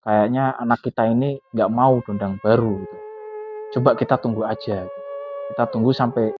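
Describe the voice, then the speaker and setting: A man voicing a worried wife who gently and hesitantly cautions her husband, on a tinny, phone-like recording. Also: mid-range voice, steady tone, normal speed, lightly acted. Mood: cautious.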